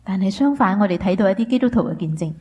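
A woman renders a preacher's sermon line by line as his interpreter. She keeps a steady, fluent pace, with a small filler sound now and then. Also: medium pitch, quick pace, a little hiss or hum.

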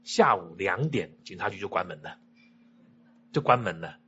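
A man's voice: sits low, moderate pace, breathy edge, lo-fi sound. A man telling a personal anecdote, acting out the quoted dialogue in different voices. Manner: animated, acts out quoted dialogue with shifting voices. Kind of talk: personal anecdote told to an audience.

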